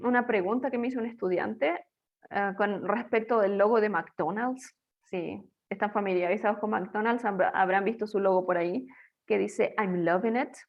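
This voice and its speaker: A woman's voice: mid-range voice, muffled recording. A woman teaching English grammar in a playful, chatty way, explaining rules to students in a recorded lesson.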